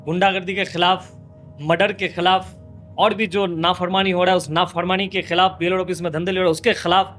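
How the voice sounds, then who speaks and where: A man's voice: high voice, little pitch movement, quick pace, fairly bright tone, soft background music. A man, a local politician, answering interview questions in impassioned, repetitive rhetorical lists. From West Bengal, India.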